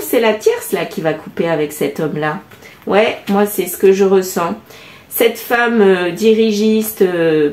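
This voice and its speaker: A woman with a French accent doing a casual oracle card reading, musing aloud and pausing often with fillers. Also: mid-range voice, a little mellow, echoey room. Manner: musing, hesitant, many fillers. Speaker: card reader.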